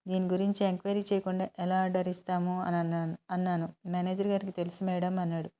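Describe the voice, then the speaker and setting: A woman's voice: fairly low pitch, level tone, fast talker, warm tone, smooth, natural voice. A woman reading the lines of a hurt, hot-tempered young businesswoman who reproaches her partner. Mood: annoyed. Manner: tearful, reproachful.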